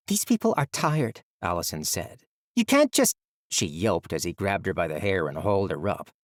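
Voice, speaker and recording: Man, audiobook narrator, lowish voice, dry close recording, measured even storytelling. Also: dry recording. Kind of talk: scripted fantasy audiobook narration.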